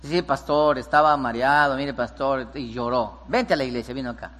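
Preaching pastor in a reverberant hall. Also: male voice, medium pitch, fairly even intonation, moderate pace. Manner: preaching, swings from hushed storytelling to loud emphatic peaks. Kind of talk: sermon with storytelling.

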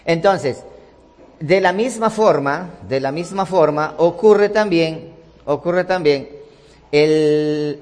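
A man's voice: fairly high pitch, slow, darkish tone, in a large hall. A man preaching a sermon, emphatic, with rhetorical questions and repetition.

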